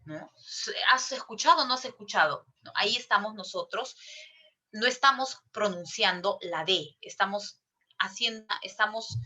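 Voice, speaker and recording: A woman's voice: medium pitch, normal speed, bright, forceful tone. A woman with a Peruvian accent giving a classroom lecture, asking her students questions and repeating herself often. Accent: Peruvian Spanish. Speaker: teacher.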